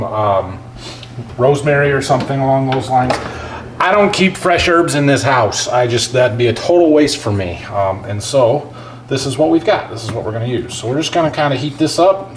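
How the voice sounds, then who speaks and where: A man's voice: mid-range voice, rough recording. A man talking casually like a home cooking show host, explaining each step in a folksy way as he works in a kitchen. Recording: clear background noise, kitchen clatter.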